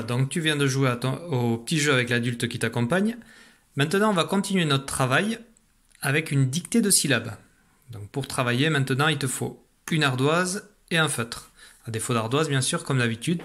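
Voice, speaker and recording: A man teaching a remote lesson to young children, patient and slow, repeating syllables for a dictation. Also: mid-range voice, a bit bright. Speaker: primary school teacher.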